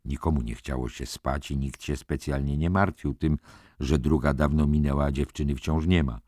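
A man reading a novel aloud in calm, even scripted narration. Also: a bass voice, normal speed, dry recording, studio quality. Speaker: audiobook narrator.

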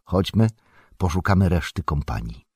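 A man reading an audiobook, voicing a gentle, thoughtful young male hobbit who speaks calmly. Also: low-pitched, moderate pace, husky, no room sound, studio quality. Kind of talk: audiobook character voice.

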